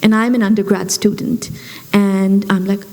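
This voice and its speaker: Woman, Pakistani accent, thirties, interview guest, animated storyteller, chatty. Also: mid-range voice, normal speed. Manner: animated storytelling, frequent "you know". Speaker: guest filmmaker. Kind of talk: conversational interview.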